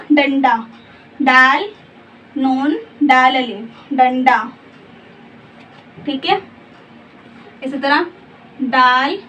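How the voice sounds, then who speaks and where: A woman teaching a slow Urdu spelling lesson. She says each letter in turn, then reads out the whole word, and she asks the learner questions along the way. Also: sits high, fairly bright tone. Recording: dull, muffled audio from a distance with faint background hiss.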